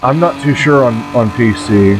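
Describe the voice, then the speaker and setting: A man in his late twenties, co-hosting a casual gameplay chat in a relaxed, laid-back way. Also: mid-range voice, moderate pace, background noise. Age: 20s. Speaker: gaming channel co-host.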